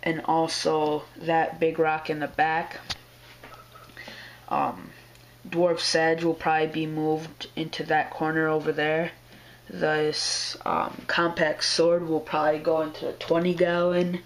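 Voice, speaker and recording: A man with a sore, strained voice talks slowly to his viewers in a casual home video. His delivery is relaxed and rambling, full of slang and fillers, and sounds as if it comes through a camera's own mic. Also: fairly high pitch, slight background noise. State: sick, with a strained throat. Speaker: aquarium hobbyist vlogger.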